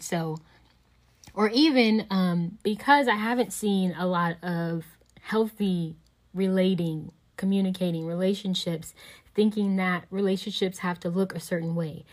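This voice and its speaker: A woman's voice: medium pitch, a little mellow. A woman in casual conversation, talking in a reflective way and filling her speech with "you know" and "like".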